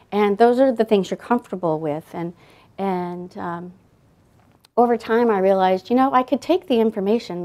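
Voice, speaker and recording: A woman's voice: on the low side, warm tone. Rambling woman guest author at a library talk. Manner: rambling, many fillers and restarts. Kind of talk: casual talk at a library event. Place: library event room, indoors.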